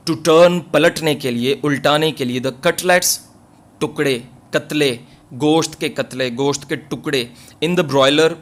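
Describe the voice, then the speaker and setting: A man teaching English, reading each phrase slowly and giving several translations for it, one after another. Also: mid-range voice, a bit bright. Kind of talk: line-by-line reading and translation lesson.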